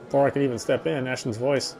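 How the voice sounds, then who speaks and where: A streamer reads a visual novel aloud with occasional comments, sometimes stumbling and saying words again. His medium-pitched voice is a little mellow, quick and fairly even in intonation. Soft background music plays.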